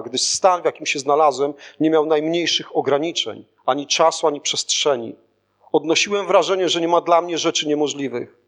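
A man reading a first-person spiritual testimony aloud as scripted narration, in an earnest, steady manner. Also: a little high. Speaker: audiobook narrator.

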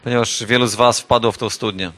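A man preaching a sermon to a congregation in a church, telling a parable in a repetitive, playful way and rising into shouted refrains. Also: medium pitch, steady tone, fast talker.

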